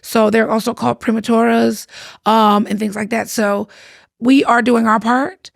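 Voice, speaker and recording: Lady in her 40s, lots of vocal fry, slightly high, close dry mic, chatty podcast host. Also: moderate pace, dry recording. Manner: animated, laughs often, trails off mid-sentence. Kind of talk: casual chat.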